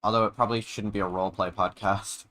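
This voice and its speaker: A man's voice: fairly low pitch, steady tone, quick pace, sharp tone. A young man in casual chat while animating, joking around, laughing a lot and poking fun at himself. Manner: jokey, laughs often, self-deprecating.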